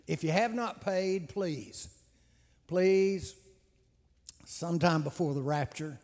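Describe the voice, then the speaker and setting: A man's voice: fairly high pitch, animated, normal speed. A man hosting a church men's conference, talking in a folksy way with lots of "uh" fillers and repeated words. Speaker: conference host. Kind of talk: conference announcements and testimony. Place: large hall with long reverb. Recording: reverberant hall sound.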